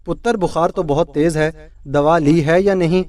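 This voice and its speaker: A man's voice: on the high side, darkish tone, far from the mic, close to an everyday voice. A man voicing a worried, doting older mother who asks after her son tenderly. He keeps close to his own voice, set back from the mic. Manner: fretful, tender questioning.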